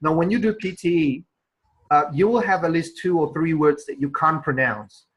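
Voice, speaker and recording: A man with a husky, slightly rough voice teaches an online English class. He explains patiently, often pausing on fillers and restarts. The sound comes through a video call. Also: fairly high pitch, rough recording.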